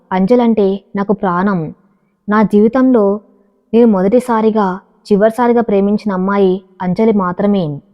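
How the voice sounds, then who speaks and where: An anguished, tearful young husband with his time running out, as a woman reads him out, pleading in broken phrases. The voice is mid-pitched and washed in long reverb. The whole recording sounds dull and lo-fi. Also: close to an everyday voice. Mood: earnest.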